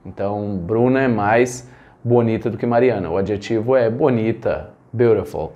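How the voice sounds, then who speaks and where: A man's voice: fairly low pitch, moderate pace, warm tone, highs cut off. A man from Brazil teaching an English grammar lesson, explaining step by step and asking rhetorical questions.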